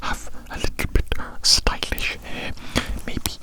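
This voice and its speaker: Right up close to the microphone, an ASMR performer whispers breathily in a slow, rambling way, softly repeating phrases.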